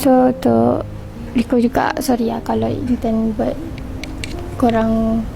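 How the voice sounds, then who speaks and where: Flat, gravelly Malaysian woman apologizing. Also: fairly high pitch, slow, background noise. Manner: apologetic, refers to herself by name. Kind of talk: apology video.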